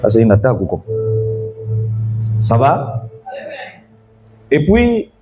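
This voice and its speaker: A man's voice: lowish voice, measured pace, a little mellow, lo-fi sound, faint music behind. A pastor preaching an evening sermon, telling a story and calling out to his congregation to follow him.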